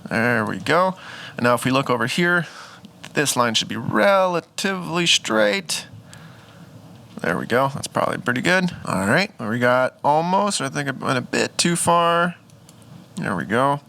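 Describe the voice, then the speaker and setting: A man talks through his photo edits in a relaxed, chatty tutorial. He thinks aloud and corrects himself along the way. His voice is bright and forward, and his pitch sits in the middle. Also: a little slow, vocal fry. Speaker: photographer teaching photo editing. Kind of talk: casual screen-recorded editing tutorial.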